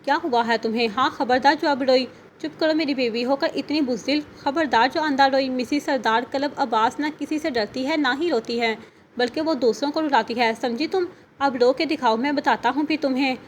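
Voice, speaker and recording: A woman's voice: high voice, fairly quick, a little hiss or hum, close to an everyday voice. A woman voicing a stern, domineering young husband in an audio novel, speaking in a commanding way. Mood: scolding. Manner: commanding, scolding.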